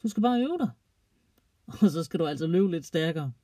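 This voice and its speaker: A storyteller voicing a calm, kind older boy who talks in a reassuring way. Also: medium pitch, no echo, lightly acted.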